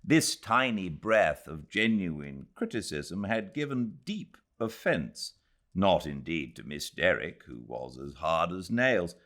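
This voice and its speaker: A British man with a low voice reads a literary classic as an audiobook narrator. His phrasing is measured and dramatic, and his delivery is expressive.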